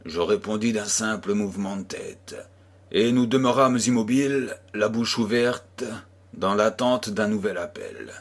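A man reading a classic novel aloud as an audiobook narrator, in a measured storytelling manner. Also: lowish voice. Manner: slow, measured reading, voicing dialogue with small shifts. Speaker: audiobook reader.

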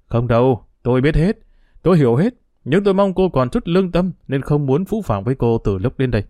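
A man's voice: medium pitch, dark tone, dry recording, natural voice. A man reading a story aloud and voicing an angry, reproachful man who accuses a woman. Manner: harsh, reproachful.

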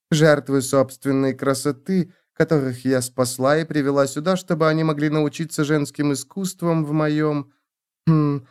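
Silky, unhurried vampire countess, read by a man, seductive and poised. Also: a little high, a little mellow, smooth, pitched above the performer's own voice.

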